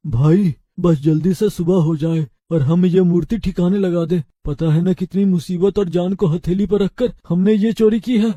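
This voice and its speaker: A greedy thief, acted by a man, with a high, dry voice. He boasts and threatens loudly in this cartoon tale. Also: fairly even intonation, moderate pace, hardly any pauses, no room sound, highs cut off. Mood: scheming. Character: greedy, menacing male temple thief.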